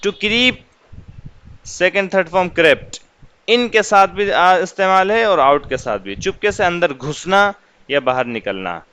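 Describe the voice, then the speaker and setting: A man teaching English vocabulary in Urdu, repeating each meaning and saying the example sentences slowly and carefully. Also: high-pitched, lively intonation, sharp tone, smooth, rough recording. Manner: slow, deliberate reading of English examples, repeating glosses. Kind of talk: vocabulary lesson explaining English words in Urdu.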